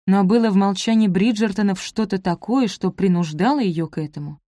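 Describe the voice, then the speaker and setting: Mellow-voiced woman narrating a novel. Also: medium pitch, brisk, no echo, studio quality. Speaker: audiobook narrator. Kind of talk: scripted narration.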